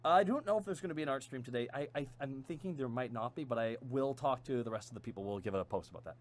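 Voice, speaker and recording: A man co-hosting a let's play, making excitable, profane jokes in casual gaming commentary. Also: medium pitch, racing.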